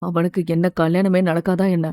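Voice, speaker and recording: A woman drops her voice to play an older father consoling his grown daughter. He talks quickly and reassuringly, in a mellow, dry audiobook reading. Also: lowish voice, level tone, no echo, voice pushed down, natural voice. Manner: soothing, reassuring.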